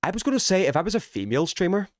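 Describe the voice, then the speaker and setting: A young man's high, sing-song voice races along in a clean, dry studio-quality recording. He is livestreaming a horror game, casually reading and responding to chat while teasing viewers and dropping the occasional light swear word.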